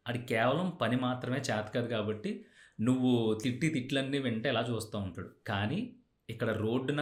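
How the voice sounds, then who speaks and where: A man's voice: medium pitch, a bit bright. A man hosting a motivational podcast, talking directly to the listener. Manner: direct, addresses listener as you. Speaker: podcast host. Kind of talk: motivational talk. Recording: roomy echo.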